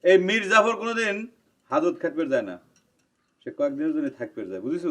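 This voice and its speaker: A boastful village strongman in a TV drama, talking slowly with swagger in rural dialect. His voice sits a little high for a man. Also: big pitch swings, sharp tone. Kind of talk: TV drama acting.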